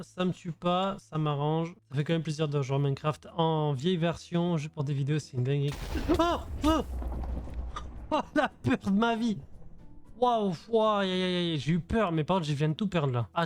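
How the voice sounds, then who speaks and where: A man's voice: a little high, a little mellow. A young man giving casual, slangy gameplay commentary, thinking aloud as he goes. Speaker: gaming video creator. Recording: voice over music.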